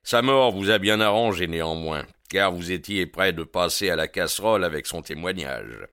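A man's voice: sits low, lively intonation, normal speed, a bit bright, clean tone, dry recording, studio quality. A man reading a smug, mocking police captain. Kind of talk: audiobook character reading.

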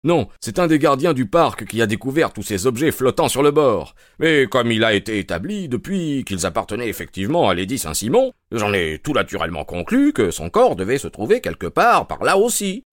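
A man voicing a boastful middle-aged police inspector who talks indignantly and with a sharp tongue. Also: mid-range voice, sing-song, a little fast, few pauses, no echo, studio quality, pitched above the performer's own voice, close to an everyday voice.

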